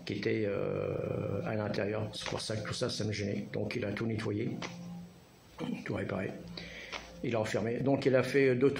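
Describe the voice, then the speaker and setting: Man, tired after anesthesia, casual rambling vlog talk, halting, echoey room, clear background noise. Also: fairly low pitch, a little mellow. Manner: rambling, halting, repeats himself. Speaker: vlogger. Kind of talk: casual chat to camera.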